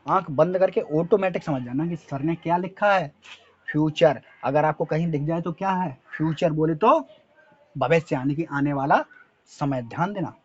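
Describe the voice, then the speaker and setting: The husky voice of a male teacher, on the high side and at normal speed, comes through dull audio. With a Hindi accent, he gives a spoken-English lesson at a board, spelling words letter by letter and answering his own quiz questions.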